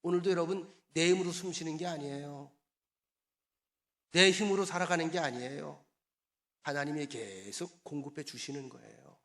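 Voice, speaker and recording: High, bright-voiced male pastor preaching. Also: moderate pace. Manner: emphatic, calls for congregation responses; acts out quoted voices in conversational asides. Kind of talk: sermon.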